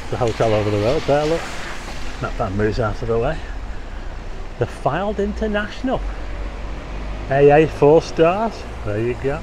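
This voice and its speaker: This man narrates an outdoor walk down a rainy street in a chatty way, posing questions to viewers and making dry little remarks as a walking tour vlogger. His mid-range voice is animated yet unhurried, broken by frequent pauses, and the background is noisy.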